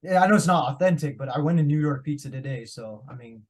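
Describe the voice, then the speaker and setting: A man's voice: mid-range voice, expressive, fast. Easygoing man bantering on a podcast. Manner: easygoing, teasing, short replies. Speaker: podcast co-host. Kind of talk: casual sports podcast chat.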